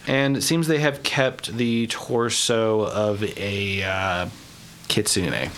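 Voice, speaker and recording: A man's voice: on the low side, takes it slowly, a bit bright, slight background noise. A man running a tabletop role-playing game, casually describing a creature and the scene. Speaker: game master.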